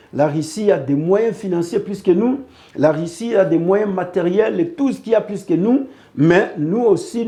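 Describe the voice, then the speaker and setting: A man from Congo (DRC) with a high voice but dark tone speaks earnestly as a guest in a political interview. He presses his points by repeating phrases.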